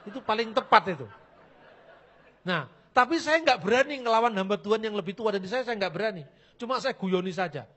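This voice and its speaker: A man's voice: sits high, fast. A middle-aged man preaching a blunt, mocking sermon full of anecdotes. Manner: animated, mocking, blunt, switches into Javanese phrases. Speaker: pastor.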